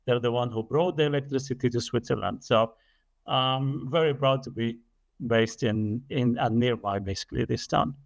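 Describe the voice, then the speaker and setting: Speaking with medium pitch, moderate pace, and some vocal fry, an energy business developer in his late thirties guests on a podcast over poor audio. His first language is Arabic, and he explains things in conversation with earnest care.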